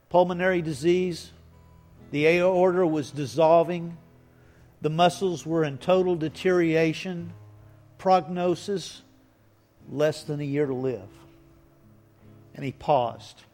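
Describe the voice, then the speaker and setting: A man's voice: high-pitched, darkish tone. A man preaching a sermon, telling stories that build to emphatic points. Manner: storytelling, rising to emphatic. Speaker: pastor. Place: church sanctuary. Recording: echoey church hall with faint music.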